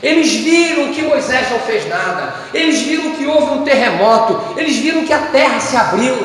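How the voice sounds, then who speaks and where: A man with a Brazilian Portuguese accent preaching a sermon as pastor, retelling scripture stories and acting out the dialogue, swinging between loud bursts and low tones. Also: lively intonation, moderate pace. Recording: echoey church hall.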